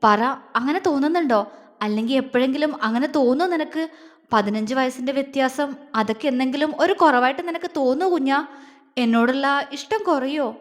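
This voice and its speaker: A woman's voice: high voice, a little fast, in a large hall, lightly acted. A woman voicing a tender, anxious older husband. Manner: pleading, emotional questions.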